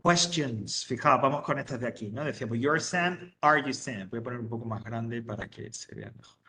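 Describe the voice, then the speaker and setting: A man teaching an English grammar lesson, explaining step by step and reading example sentences slowly. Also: mid-range voice, steady tone, bright, forceful tone. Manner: explains step by step, checks understanding with frequent "¿vale?" and "¿ok?". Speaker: adult education English teacher. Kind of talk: recorded online English lesson.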